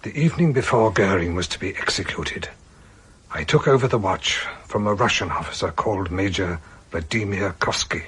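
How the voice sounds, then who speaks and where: In a radio drama, a male actor plays an older, ailing British army colonel full of remorse, speaking formally and haltingly in a sombre mood. His low voice is husky and breathy, with a fairly bright tone and an exaggerated delivery.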